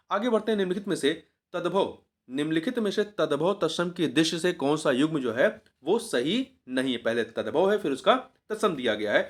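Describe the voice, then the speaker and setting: A man teaching as an exam coach, going through a grammar test paper, patiently repeating each word and spelling it out syllable by syllable. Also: fairly high pitch.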